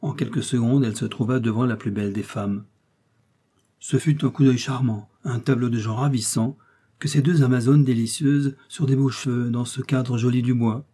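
Male audiobook narrator, steady measured delivery, mellow raspy tone. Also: medium pitch. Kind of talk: dramatic novel narration.

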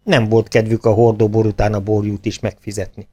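A man's voice: lowish voice, little pitch movement, warm tone. A man reading a children's storybook aloud as narrator, dropping his voice for speech tags. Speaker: audiobook reader.

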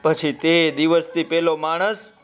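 A man's voice: a little high, little pitch movement, a little slow, smooth, faint music behind. A man narrating a children's story and addressing young listeners by name.

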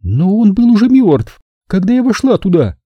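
A frightened young woman pleads her innocence in a high, fragile voice, as a male narrator puts her on. It has a husky edge and a dry, close sound. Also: very animated, moderate pace, no room sound, muffled recording, exaggerated voice. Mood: pleading. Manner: quiet, barely audible, pleading.

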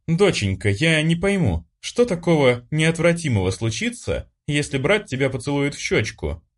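A male audiobook reader voicing a gentle mother who soothes her children while holding back laughter. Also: fairly high pitch, big pitch swings, moderate pace, voice pushed up. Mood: soothing.

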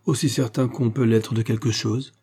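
A man's voice: medium pitch, steady tone, moderate pace, dark tone, slightly rough, natural voice. A man voicing a hearty, loyal middle-aged farmer in an audiobook, jovial and earnest.

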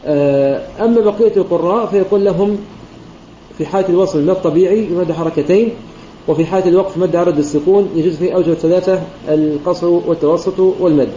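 A man teaching a lesson on Quran recitation rules. He works through the points step by step, repeating phrases and pausing on "aah" fillers. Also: sits high, dark tone, a little hiss or hum. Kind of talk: religious lesson explaining a classical poem. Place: online voice-chat room. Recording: muffled online voice-chat room audio, roomy.

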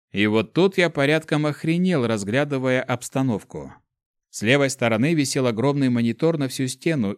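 A man's voice: mid-range voice, dry recording, studio quality. A man narrating a first-person fantasy story in a wry, colloquial way. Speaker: audiobook narrator.

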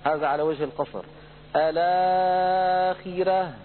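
Middle-aged man, recitation teacher, patient lecture with slow chanted examples; slightly high voice, tinny lo-fi audio. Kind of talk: religious lesson lecture. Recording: tinny phone-like lo-fi recording with faint hum.

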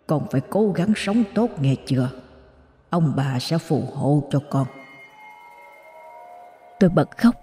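A woman narrating a horror story in an emotive, dramatic manner, over soft background music. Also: lowish voice, breathy edge, no echo.

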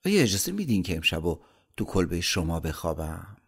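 A man voicing a clever, cheerful young male traveler who speaks calmly and confidently. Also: sits low, creaky, breathy edge, voice pushed down, exaggerated voice. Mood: weary.

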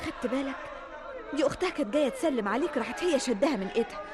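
A woman's voice: high voice, lively intonation. An actress with an Egyptian accent playing Fatma, a shy and teasing young woman, in a radio drama. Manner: playful and fast-talking. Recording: radio drama with fairground music and crowd. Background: music and crowd.

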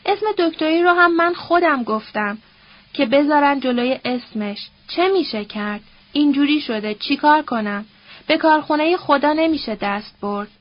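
A woman's voice: high voice, expressive, highs cut off. A woman voicing a bitter, scornful old nobleman who curses and quotes proverbs in a sneering, coarse, grumbling way.

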